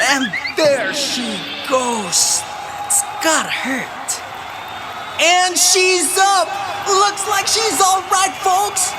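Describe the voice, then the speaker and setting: A woman acts as an excitable female sports announcer calling a jumping contest in an audio drama. The voice is high and drawn out, shouting dramatically. A loud, noisy crowd roars behind it. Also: full character voice. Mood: alarmed, dramatic. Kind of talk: play-by-play sports commentary, scripted drama.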